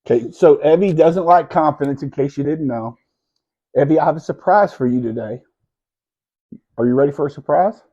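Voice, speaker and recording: A middle-aged man hosting a casual live video at home, playful and teasing with a child, often dropping to a soft hushed voice. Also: a little high, fairly quick, long pauses, highs cut off.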